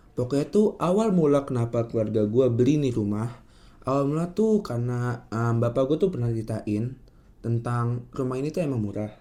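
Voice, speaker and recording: Young male podcast guest, Jakarta accent, lisped R, slangy and halting casual storyteller. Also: mid-range voice, dark tone. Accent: Jakarta Indonesian. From Indonesia, Jakarta. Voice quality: lisped R, cannot roll it. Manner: slangy, hesitant, rambling.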